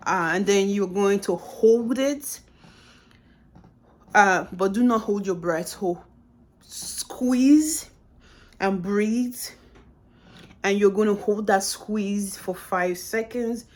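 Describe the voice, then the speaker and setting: A woman's voice: mid-range voice, takes it slowly. A woman casually talking through a postpartum exercise routine at home, plain-spoken and filling her speech with "uh" and "like". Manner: plain-spoken, with frequent "uh" and "like" fillers. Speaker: vlogger sharing postpartum exercises. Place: bedroom at home. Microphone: camera set up across the room.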